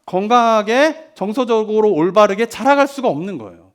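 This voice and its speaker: A man's voice: sits high, expressive, brisk. A middle-aged male pastor preaching a sermon in a chatty way, asking the congregation questions and acting out parents and children. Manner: conversational preaching with frequent rhetorical questions; acts out parents and children in quoted lines.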